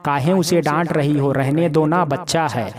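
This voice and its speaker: A man voicing a young married woman visiting her parents, talking softly and affectionately, with crowd noise behind. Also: a little high, moderate pace, close to an everyday voice.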